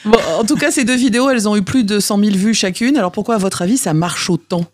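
A woman with a mid-pitched voice co-hosts a casual radio programme. She talks conversationally, rambling a little as she develops a thought. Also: fast, darkish tone, no room sound, clean studio sound. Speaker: radio co-host.

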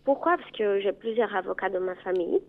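A Brazilian woman in her twenties, a native Portuguese speaker with a Brazilian accent, calling in to a radio talk show and speaking hesitantly with many filler pauses. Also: mid-range voice. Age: 20s. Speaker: caller. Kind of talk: radio call-in chat. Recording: tinny phone line.

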